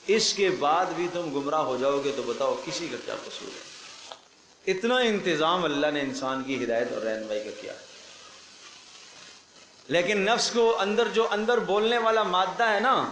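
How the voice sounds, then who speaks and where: A man's voice: fairly high pitch, fairly bright tone, roomy sound, slight background noise, low-quality recording. A man giving a sermon of Quran commentary, telling vivid parables, acting out the people in his stories and repeating phrases for emphasis.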